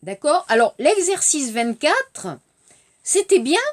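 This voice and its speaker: A woman with a French accent teaching a language lesson, speaking slowly and patiently, repeating each phrase and dropping in simple Korean words. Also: high-pitched, very animated.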